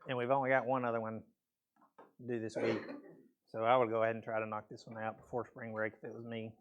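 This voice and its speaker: Man, math teacher, classroom lecture, mid pitch, casual step-by-step explaining, slightly worn voice. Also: flat delivery, quick pace, muffled recording, slight background noise. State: voice weak from weather, peppermint in mouth.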